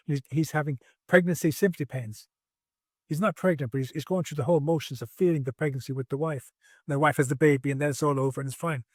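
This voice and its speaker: A man's voice: on the high side, dry recording, clean studio sound. A man in his sixties, a podcast guest at home, telling his personal story in an earnest, reflective way with frequent restarts. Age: 60s.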